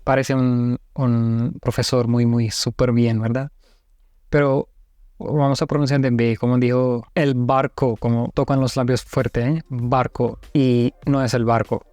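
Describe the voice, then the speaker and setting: A man's voice: mid-range voice, level tone, unhurried, a little mellow, dry recording, clean studio sound. A man from India whose first language is Hindi, hosting and reacting to a lesson video. He talks casually, stops to comment and asks the listener questions. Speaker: channel host reacting to a video.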